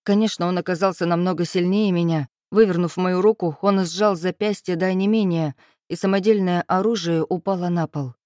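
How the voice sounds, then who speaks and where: A woman narrating a novel in the first person, with a lowish, dark, mellow voice. Her reading is steady and even. The close mic gives a dry, intimate sound. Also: a little fast, no room sound. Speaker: audiobook narrator.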